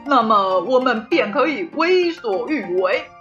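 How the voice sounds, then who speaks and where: A woman plays a pompous termite king from a children's storybook, boastful and domineering. The speech is slow and declamatory, pitched high for a grand ruler. The sound is slightly muffled, with music behind. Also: expressive, a bit bright. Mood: conquering, forceful.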